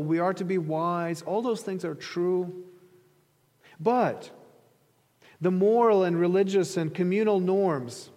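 A Ukrainian pastor with a rather high, slightly mellow voice preaches to a congregation in a conversational style, using stories and illustrations to explain. He speaks in a large, reverberant room, and the hall's long reverb trails his words.

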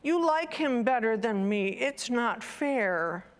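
A woman's voice: on the high side, animated, slow. A woman voicing an eager young girl who keeps pestering her mother, in a whiny, pleading tone. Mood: sulky. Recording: long hall reverb.

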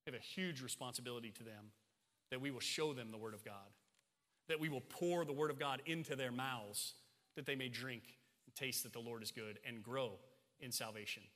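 A man's voice: medium pitch, brisk, a bit bright. A man in his forties preaching a sermon as pastor, emphatic and repeating phrases for stress. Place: church sanctuary. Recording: long hall reverb, church sanctuary.

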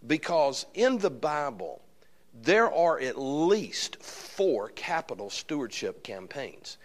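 A man's voice: on the high side, sing-song, slow. A man with an Alabama accent addressing a church congregation as a guest speaker, folksy, often repeating and restarting his words. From Alabama, United States. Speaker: guest pastor and church fundraising consultant.

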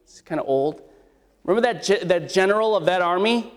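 Fairly quick and full of lively intonation, a man's high, scratchy voice carries an expository sermon. He chats with the congregation and asks them questions, all in long hall reverb.

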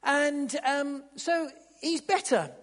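A man preaching a sermon, stumbling over and repeating words, then building to excited emphasis. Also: very high voice, slow. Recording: long hall reverb.

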